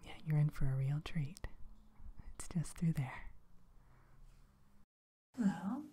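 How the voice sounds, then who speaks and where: Mellow whispering woman playing a spa receptionist. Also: deep voice, lively intonation, a little hiss or hum. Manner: soft unvoiced whisper, slow and soothing; gentle hesitations with "uh" and "um". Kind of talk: whispered ASMR roleplay.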